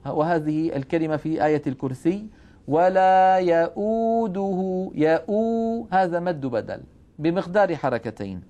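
A man explains recitation rules in a steady, measured teaching voice. His voice sits a little high for a man, and he slowly stretches out example sounds as he demonstrates them. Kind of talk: televised religious lesson.

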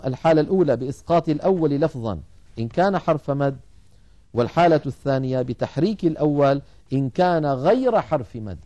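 Measured man teaching recitation rules, mellow tone. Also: fairly high pitch. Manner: measured explanation, slowly chanting quoted verses. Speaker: teacher of Arabic grammar and Quran recitation. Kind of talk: televised lesson.

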